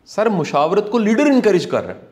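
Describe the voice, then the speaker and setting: Earnest man preaching lessons, higher voice. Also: wildly swooping pitch, a little mellow, slight background noise. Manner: earnest, preacherly, repeats key lines for emphasis. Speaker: motivational speaker. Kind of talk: reflective commentary talk.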